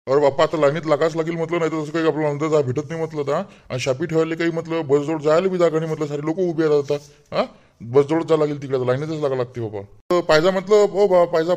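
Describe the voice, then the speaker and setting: A man's voice: a little high, a little mellow, natural voice. A man voicing a fussy, self-righteous village man in a cartoon, with a Vidarbha Marathi accent, rambling and grumbling to himself. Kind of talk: cartoon voice acting.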